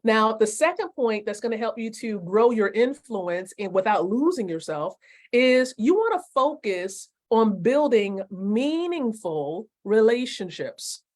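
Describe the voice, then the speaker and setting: A woman in her forties teaching network marketing on a live stream, emphatic and repeating her key points slowly while asking viewers questions. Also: on the high side, very animated. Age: 40s.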